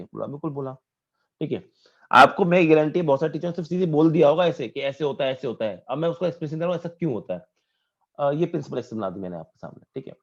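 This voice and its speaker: Over a video call, a man teaches an online physics class, posing questions, answering them himself and repeating key points for emphasis. His fairly high voice has vocal fry, and the sound is lo-fi.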